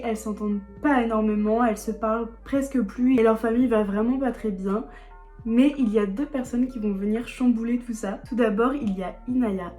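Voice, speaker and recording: Young female vlogger, warm mellow tone, slightly high, eager chatty delivery, light music bed. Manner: enthusiastic, repeats words for emphasis. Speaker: book vlogger. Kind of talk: casual book haul chat.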